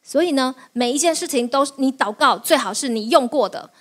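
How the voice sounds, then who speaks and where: A middle-aged woman pastor preaching a sermon in a lively, playful way, asking the congregation questions and laughing along. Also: sits high, a little fast.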